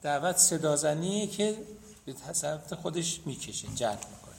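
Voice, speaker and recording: A man's voice: fairly high pitch, sing-song, gravelly, slight background noise. A man teaching a seminary class on hadith, reciting Arabic narrator chains and explaining them step by step to his students. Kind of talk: hadith lesson.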